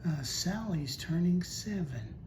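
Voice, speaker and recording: Guy doing a fussy older wife going through the mail, slow, echoey room with hiss. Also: on the high side, pitched above the performer's own voice. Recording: echoey room with steady noise.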